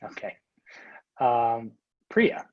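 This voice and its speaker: A man's voice: medium pitch, big pitch swings, drawn-out words, a little mellow, dull audio. A man instructing a class, calling on students with brief, friendly prompts.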